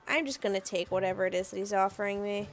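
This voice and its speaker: A woman's voice: medium pitch, fast, soft background music. A woman streamer chatting dryly while playing a game, with wry asides. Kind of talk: casual gameplay commentary.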